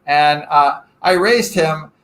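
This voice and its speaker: Hosting a laid-back live chat for viewers, this Southern Californian man around sixty speaks slowly in a fairly high, slightly bright voice. He rambles, makes self-deprecating jokes, and leans on lots of fillers.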